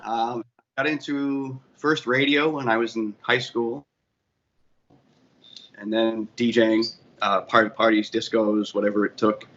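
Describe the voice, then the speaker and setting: A man's voice: medium pitch, level tone, measured pace, a bit bright. A man with a Boston accent, telling his career story in a casual interview and often correcting himself. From Boston area, USA. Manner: rambling, self-correcting storytelling. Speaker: guest, DJ and bar manager. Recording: muffled audio with faint ambient noise.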